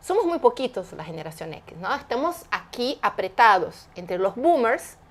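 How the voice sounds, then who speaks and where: This woman's voice sits on the high side and is very animated, though her speed is normal. As an entrepreneur guest in a spirited interview conversation, she stresses her points and regularly poses rhetorical questions.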